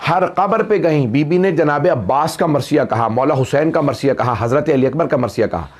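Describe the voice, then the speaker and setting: A middle-aged male cleric delivers a mourning sermon in a high, tense voice. He tells the story with passion, and his delivery swells into wailing cries in the quoted lines. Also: a little fast. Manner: impassioned, rising to wailing peaks in quoted lines. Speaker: Shia cleric reciting majlis.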